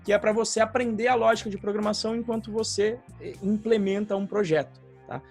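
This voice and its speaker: High, gravelly Brazilian man explaining. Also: fairly even intonation, brisk, darkish tone, faint music behind. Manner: explanatory, frequent "tá?" tag questions. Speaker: podcast co-host, programming teacher. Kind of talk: casual podcast chat.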